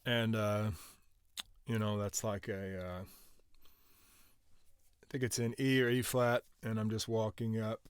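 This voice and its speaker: A man's voice: lowish voice, little pitch movement, a little slow, pauses often, clear, resonant tone, no echo, studio quality. A man casually walking through how he produced a song, rambling with lots of filler words and restarts. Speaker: music producer.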